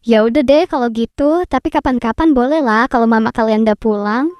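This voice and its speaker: A woman voicing a kindly, hospitable aunt in an animated game story, speaking gently. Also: on the high side, a little fast, clear, resonant tone, no room sound, faint music behind, close to an everyday voice. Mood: welcoming. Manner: gentle, welcoming.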